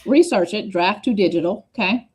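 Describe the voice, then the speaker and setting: A woman hosts a relaxed livestream chat over a video call. She talks quickly and hops from point to point, circling back with chatty asides. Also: mid-range voice, husky. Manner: fast, scattered, chatty with repeated asides.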